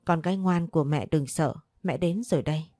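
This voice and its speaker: A woman's voice: low voice, a little fast, dark tone, dry recording, soft background music. A woman voicing a desperate young mother who pleads urgently to protect her child in an audio story. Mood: pleading.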